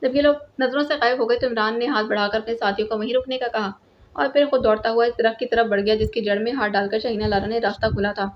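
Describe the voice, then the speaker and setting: A woman narrating a spy novel in a steady, even reading voice. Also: on the high side. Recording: lo-fi, dull sound.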